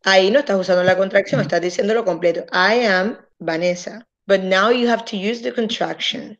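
A woman English teacher running an online class, patiently explaining grammar and slowly modelling pronunciation. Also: mid-range voice, muffled recording. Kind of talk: online language class, switching between Spanish and English.

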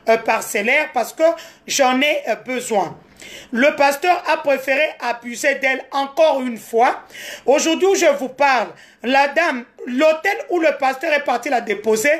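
High-voiced Congolese woman streaming live. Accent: Congolese French. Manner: animated, switching between French and Lingala. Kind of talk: casual live-stream storytelling.

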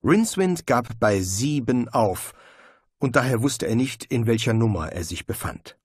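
A man reading a comic fantasy audiobook in scripted narration, expressive in his storytelling. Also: medium pitch, a little slow, breathy edge, no echo, clean studio sound.

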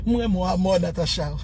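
Her voice is mid-range and a little mellow as this Haitian social media storyteller recounts a funny episode from her own life, mixing Creole with French and bursting into laughter and mock wailing. Slight background noise can be heard.

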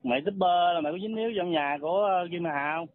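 A man's voice: sits high, quick pace, no echo. A man arguing heatedly on a phone call, blunt, insulting and threatening. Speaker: caller. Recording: tinny phone line, dry.

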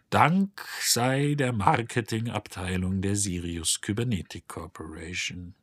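A man reading an audiobook in scripted narration, husky and measured. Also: lowish voice, dry recording.

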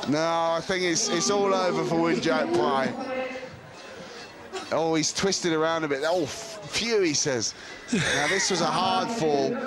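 A man giving live ski race commentary, amused and often laughing. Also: fairly high pitch.

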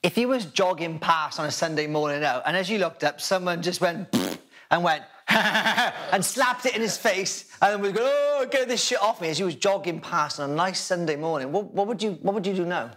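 A man's voice: sits high, normal speed, a bit bright. A man in a casual podcast chat who swears heavily and keeps repeating himself with "you know" and "like". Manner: heavy swearing, many fillers and repeats. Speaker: cast member.

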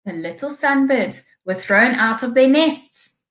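A woman teacher with a South African accent reading a storybook aloud to young children, slow and expressive. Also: on the high side. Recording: echoey room.

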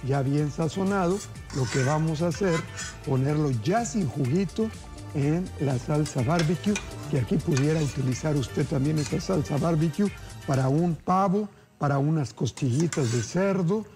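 A man's voice: a little high, moderate pace, over music. A man in his forties hosting a TV cooking show from a studio kitchen, chatting upbeat and folksy to viewers as family. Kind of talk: TV cooking segment, addressing viewers. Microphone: lapel mic.

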